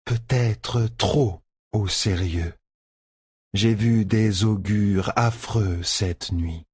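A man voicing a stern, terse foreign woman warrior in an audiobook, speaking slowly and gravely in a hushed tone. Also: medium pitch, animated, dry recording, studio quality, pitched above the performer's own voice. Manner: slow, weighty, hushed delivery. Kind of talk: audiobook character voice.

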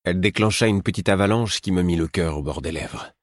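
A man reading a first-person story as an audiobook narrator, in a measured, grave manner. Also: deep voice, no echo, studio quality.

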